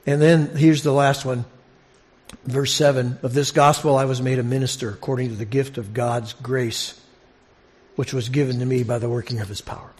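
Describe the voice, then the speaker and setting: A man preaches an expository sermon in a conversational style, questioning his congregation and repeating phrases to stress them. His medium-pitched voice is a little mellow, with fairly even intonation and a normal pace.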